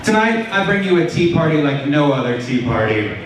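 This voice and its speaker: A man's voice: a little high, very animated, fairly quick, a crowd in the background. A man addressing audience and judges on stage in a formal, theatrical contestant speech. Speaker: pageant contestant. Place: large indoor stage venue. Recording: echoey hall, distant PA.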